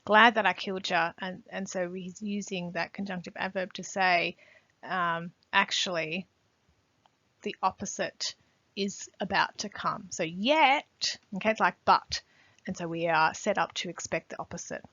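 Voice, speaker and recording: A woman teacher giving a poetry lesson, pausing often with fillers and reading quoted lines with more force. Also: lowish voice, pushed and bright, dry recording. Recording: dull, slightly muffled recording.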